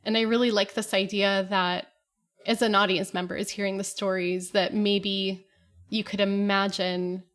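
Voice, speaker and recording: A woman's voice: medium pitch, flat delivery, moderate pace, fairly bright tone. Woman composer, guest, easy chatty delivery, mid-range voice. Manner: chatty, with frequent fillers and laughs. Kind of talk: casual interview talk.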